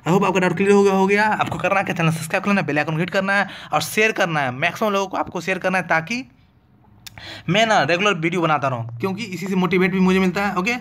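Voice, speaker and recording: A fast-talking man with a high, fairly bright voice gives a casual online exam-prep lesson. Talkative throughout, he keeps checking in with "clear?" to make sure students keep up.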